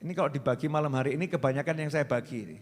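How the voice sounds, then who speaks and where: A man giving a religious lecture to a congregation, animated and questioning his listeners. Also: on the high side, very fast. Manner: animated, asks the crowd questions and acts out wife and husband. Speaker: preacher. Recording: long hall reverb.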